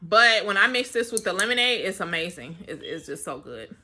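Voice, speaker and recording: A woman's voice: mid-range voice, sing-song, brisk, pushed and bright. A young woman vlogging in a casual, rambling chat, laughing often between thoughts. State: slightly winded.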